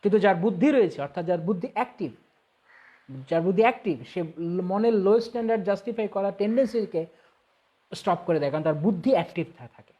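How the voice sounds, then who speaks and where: Man, Bengali accent, high-pitched voice, devotional Q&A talk, explains with examples, acts out inner voices. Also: expressive, quick pace, dark tone, dull audio. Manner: reads questions aloud, then explains with examples, acting out inner voices. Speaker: spiritual teacher answering viewer questions.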